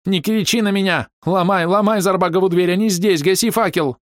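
Give me a man playing a shrill, squeaky, cowardly fat baron from a storybook, babbling in a panic. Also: a little fast, dry recording, studio quality, lightly acted. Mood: panicky. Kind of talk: audiobook character voice.

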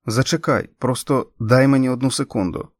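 A man voicing a capable woman who calls out quick, insistent instructions during a birth, in an audiobook reading. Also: medium pitch, steady tone, dry recording, clean studio sound, pitched above the performer's own voice, lightly acted. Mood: brisk, insistent. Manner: brisk, insistent. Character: capable woman delivering a baby, brisk.

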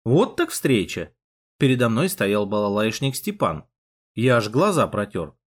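A man narrating a first-person audiobook in an expressive storytelling manner. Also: fairly low pitch, unhurried, husky.

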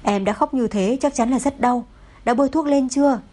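A woman's voice: sits high, brisk, warm tone. A woman voicing an anxious, doting young husband who sounds worried and eager to please.

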